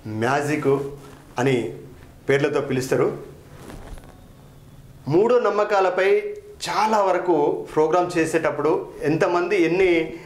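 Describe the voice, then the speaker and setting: A middle-aged man interviewing a guest, encouraging him with frequent approving murmurs. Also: on the high side. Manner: encouraging, frequent hmm and super. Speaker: interviewer, talent show host. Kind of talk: interview questions. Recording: echoey room.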